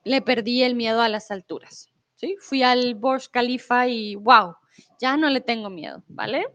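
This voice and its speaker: Young female Spanish teacher, live stream, reads chat and explains patiently, a touch high, takes her time. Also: a bit bright. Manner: friendly, slow and explanatory, switching into English to explain. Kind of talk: live online lesson reading viewer comments.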